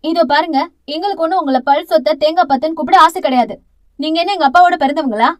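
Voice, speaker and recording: Brief: woman playing brash young sister, quick retorts, high bright voice, dry. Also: dry recording, natural voice. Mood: defiant.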